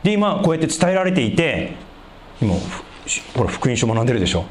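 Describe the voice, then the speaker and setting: A man preaching a sermon, asking the congregation rhetorical questions and swinging between loud emphasis and hushed low passages. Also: very animated, fast. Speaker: pastor.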